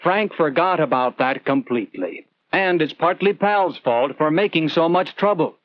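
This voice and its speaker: A man's slightly high, animated voice moves at normal speed as he narrates a scripted 1940s instructional film, earnestly and conversationally telling the story and questioning the viewer. The old film soundtrack is dry, with the highs cut off.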